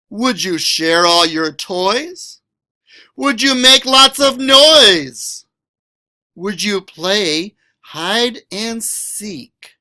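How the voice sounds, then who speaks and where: A man reads a picture book to young listeners in the role of a school librarian, his voice sitting high. He is expressive and inquisitive, lengthening words for the children.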